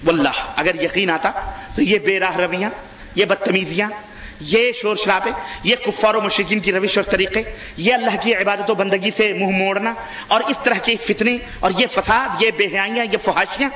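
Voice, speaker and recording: A man's voice: steady tone, pushed and bright, roomy sound, slight background noise. A man preaching an impassioned sermon, exhorting his listeners with rhetorical questions, with a Pakistani Urdu accent. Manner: soars to high emphatic peaks.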